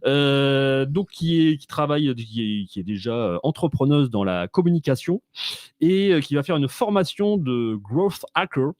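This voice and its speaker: A man's voice: mid-range voice, animated, moderate pace, a little mellow, dry recording, studio quality. A man co-hosting a live web radio show, chatting casually with jokes and lots of hesitations. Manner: jokey, hesitant with many fillers. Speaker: co-host.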